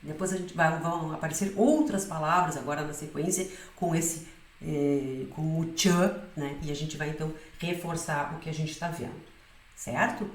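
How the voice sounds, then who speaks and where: A woman with a fairly low voice gives a patient pronunciation lesson and keeps checking that her students follow along. Her voice sounds roomy, as if she is recording in an echoey room. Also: fairly even intonation, normal speed. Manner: explains patiently, often checking with "né?" and "certo?". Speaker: Spanish pronunciation teacher.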